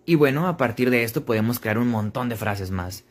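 A man explaining an English pronunciation lesson step by step, saying English phrases over slowly and repeating them. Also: mid-range voice, expressive. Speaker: English teacher.

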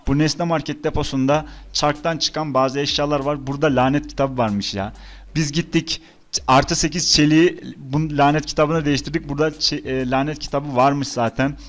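A young man with a Turkish accent commenting on his game in a casual let's-play style. His voice sits a little high, and he swings from weary groans to loud, excitable outbursts. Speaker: gaming YouTuber.

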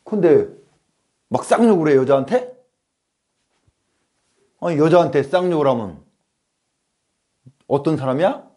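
A man plays a classroom teacher in a comedic skit, lecturing and scolding his pupils. He speaks slowly, with a pitch that rises and falls in lively swings, and he keeps tossing out questions to the class. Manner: scolding, rhetorical, keeps asking "어?". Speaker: comic playing a schoolteacher.

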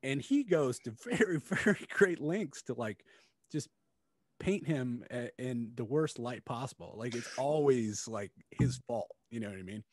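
On a laid-back book review podcast, a male co-host in his forties gives blunt, critical opinions and swears freely. His medium-pitched voice is expressive and a little slow. He is recorded dry at studio quality, close to a mic on a stand, with headphones on.

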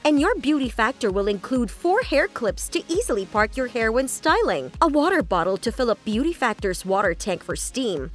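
A woman announcer delivers a scripted TV shopping pitch in a high voice with very lively intonation. Her delivery is emphatic and sales-driven, over a light music bed. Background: background music.

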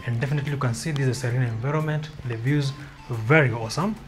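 A man's voice: medium pitch, fast talker. A young man from Kenya guiding viewers through an empty apartment, pointing out each room as he walks. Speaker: house tour vlogger. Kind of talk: walking house tour guide. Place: empty apartment rooms, indoors. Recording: echoey empty rooms with music. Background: music bed under the voice.

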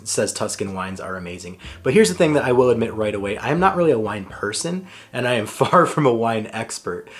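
A young man narrating a travel food vlog in a chatty, enthusiastic, self-deprecating way. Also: mid-range voice. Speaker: travel vlogger.

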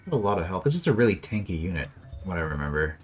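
A man with a low, husky voice talks rapid-fire and very animatedly as he plays a strategy game. In this casual let's-play commentary, he thinks aloud with dry sarcasm.

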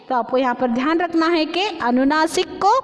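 A woman's voice: high-pitched, moderate pace, big-room sound. A woman teacher giving a patient Hindi lesson to young children, asking the class questions and repeating each point. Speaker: primary school teacher.

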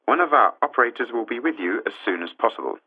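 A man speaking politely and clearly over a landline phone. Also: medium pitch, lively intonation. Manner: polite, measured, clearly spelled out. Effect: heard over a landline phone. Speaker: actor in course-book phone dialogues. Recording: tinny narrow phone line.

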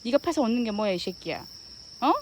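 A woman's voice: fairly high pitch, animated, a little fast, a little mellow. A woman chatting with her dogs, switching between fond baby talk and mock scolding, now and then in English. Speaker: pet owner talking to her dogs. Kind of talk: casual chat with pets. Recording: noisy outdoor ambience.

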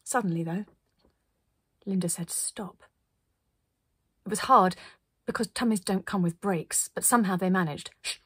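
A woman reading a children's story aloud in a gentle, playful way. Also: medium pitch, moderate pace, pauses often, breathy edge, dry recording.

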